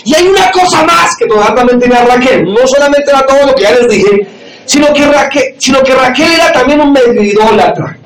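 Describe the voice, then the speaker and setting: A man pastor preaching a sermon loudly to a congregation, shouting for emphasis and acting out quoted voices. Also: very high voice, animated, a little fast, distant mic. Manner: acts out quoted voices in dialogue. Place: church or meeting hall with audience. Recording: echoey room, mic from afar, audience noise.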